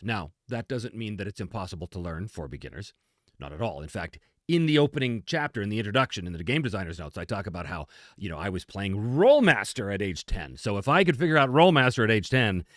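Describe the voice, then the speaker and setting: A man's voice: lowish voice, fairly bright tone, no room sound, clean studio sound. A man hosting a casual talk on tabletop gaming and answering questions in an emphatic, conversational, self-deprecating way. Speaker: host, game designer and game master.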